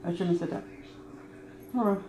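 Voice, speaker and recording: A woman's voice: on the low side, steady tone, moderate pace, dark tone, reverberant, slight background noise. A woman hosting a casual eating-show vlog, chatting and joking while she eats. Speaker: vlog host.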